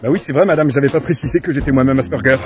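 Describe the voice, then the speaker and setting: A man's voice: medium pitch, rapid-fire, a little mellow, soft background music. A man vlogging outdoors while walking his dog, telling everyday stories in a wry, self-mocking, chatty way. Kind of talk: casual storytelling vlog.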